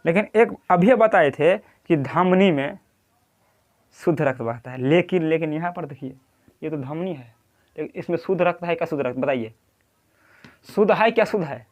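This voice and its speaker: A man's voice: fairly high pitch, moderate pace, a little mellow. A man with a Bihari accent teaching a lecture, who keeps asking the class questions and repeating key terms. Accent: Bihari Hindi. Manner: quizzing, repeats key terms, drawing at a board.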